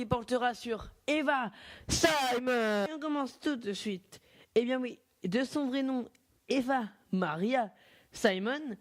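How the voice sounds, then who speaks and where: A man's voice: high voice, dry recording. A young man with a French accent hosting a casual amateur radio show, chatty and informal, often correcting himself mid-sentence. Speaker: radio host.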